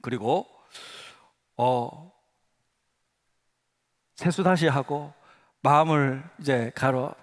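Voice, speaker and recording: A middle-aged man, senior pastor, preaching a sermon as animated storytelling in a church sanctuary. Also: medium pitch. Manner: animated storytelling, acts out dialogue. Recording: reverberant church hall.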